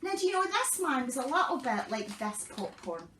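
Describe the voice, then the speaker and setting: A woman, a children's pastor telling children a Bible story in a lively, animated way. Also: sits high, normal speed, roomy sound, recorded from a distance, slight background noise, rough recording.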